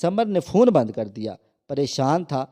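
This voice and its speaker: A man's voice: fairly high pitch, very animated, dark tone. A man narrating a moral story from a script, reading all the characters' lines in his own voice. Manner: reads every character's quoted lines in his own voice, only slightly raised for the girl.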